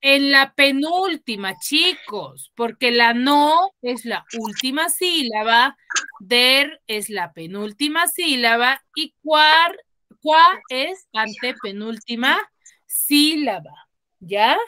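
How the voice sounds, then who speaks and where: A woman's voice: high-pitched, lively intonation, slow pace, sharp tone. A woman teacher leading an online class over a video call, patiently explaining and asking the class questions. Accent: Peruvian Spanish.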